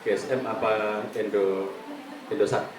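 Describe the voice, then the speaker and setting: A middle-aged man giving a live workshop on counseling to an audience. He talks in a lively way and acts out examples in quoted voices. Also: fairly low pitch, a little slow, a crowd in the background. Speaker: counseling trainer. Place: meeting room with a live audience. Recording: echoey room from far off, faint ambience.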